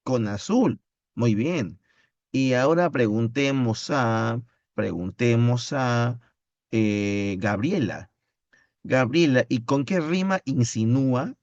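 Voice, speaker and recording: Male teacher, slow and unhurried, dull lo-fi sound; reads verse, then teases students with questions. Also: mid-range voice, a little mellow, dry recording. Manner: reads poem slowly, then playful questioning. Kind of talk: online literature class with chat. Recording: dull lo-fi audio.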